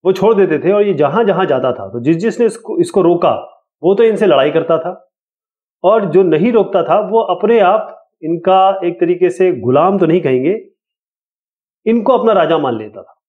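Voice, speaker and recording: A man's voice: high voice, lively intonation. Man teaching a casual lesson, tinny sound. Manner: casual, explanatory, reads questions slowly. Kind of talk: explaining an exam lesson.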